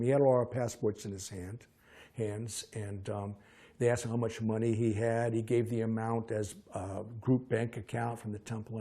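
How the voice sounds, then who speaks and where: An older man recalling personal memories as a lively storyteller, often halting and restarting his sentences. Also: fairly low pitch, breathy edge. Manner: halting, frequent restarts and fillers.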